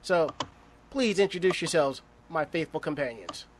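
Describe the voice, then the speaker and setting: Man, podcast host, high voice, brash, profane, faint background hiss. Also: expressive, normal speed. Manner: brash and profane, steering the talk. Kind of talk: casual podcast chat.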